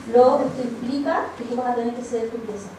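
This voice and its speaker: Chilean lady telling her story at church, highish mellow voice, big echoey hall, mic far off. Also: fast talker, a little hiss or hum. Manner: animated storytelling, acts out quoted dialogue. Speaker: church speaker. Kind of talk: personal testimony talk.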